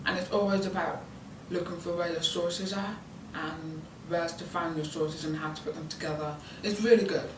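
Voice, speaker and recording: This student intern, a British woman of nineteen who grew up with British Sign Language as her first language, gives informal interview answers that ramble and hesitate, full of ums and likes. Her voice sits on the low side, steady, at a normal speed with hardly any pauses. Background noise, echo, and a distant mic mark the recording.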